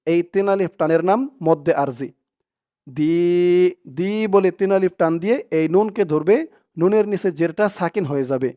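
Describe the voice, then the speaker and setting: A man's voice: high-pitched, fairly quick, dark tone. A man teaching Quran recitation, spelling out syllables one by one and repeating them for his students. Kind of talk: step-by-step recitation lesson.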